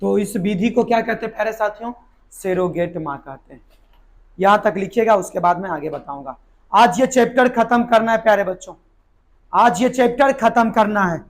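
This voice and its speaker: Hoarse, high-voiced male teacher, keeps quizzing the class and answering himself. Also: moderate pace. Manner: asks the class questions and answers them himself, repeats key words. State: hoarse from a sore throat. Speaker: biology teacher. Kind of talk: live online exam-prep lesson.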